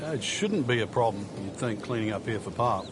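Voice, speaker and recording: A man's voice: fairly low pitch, lively intonation, fairly quick. A man giving golf commentary as the analyst, explaining things in a conversational way. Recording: loud crowd and background noise. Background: crowd noise.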